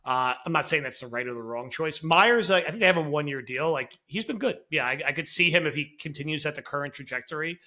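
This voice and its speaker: Bright-voiced man talking football. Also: a little high, fast, hardly any pauses. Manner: animated, exasperated fan talk. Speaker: podcast co-host. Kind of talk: casual sports podcast chat.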